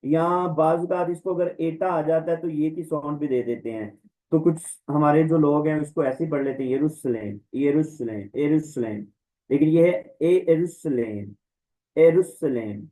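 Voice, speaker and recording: Guy teaching a greek class online, slightly high voice, says words slow and over and over. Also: warm tone, rough recording. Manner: slow, drawn-out word-by-word pronunciation drills. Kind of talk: online lecture.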